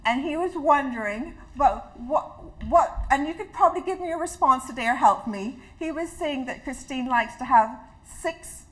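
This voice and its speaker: A Trinidadian woman, working as a health educator, leads an interactive health talk before a live audience in a community hall. Her voice sits high and moves at a normal speed with hardly any pauses, and she comes across as warm, chatty and personal, often restarting her sentences. The recording is rough.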